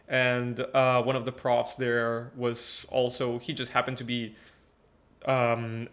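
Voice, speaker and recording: Young man from Ecuador, chatty guest. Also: mid-range voice. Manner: relaxed, chatty, frequent fillers and repeats. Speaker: guest musician. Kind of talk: casual interview talk.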